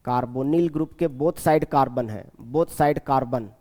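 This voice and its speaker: A man teaching a chemistry class, repeating key terms slowly and asking his students questions as he goes. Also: mid-range voice, mellow, long reverb tail. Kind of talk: classroom lecture.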